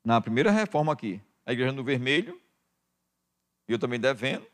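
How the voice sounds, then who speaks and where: A middle-aged man with a Brazilian Portuguese accent, preaching a sermon as pastor, calling the congregation "dear" over and over and swinging from hushed to loud. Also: mid-range voice, big pitch swings, brisk. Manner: addresses the congregation as "querido" constantly, swings from quiet to loud.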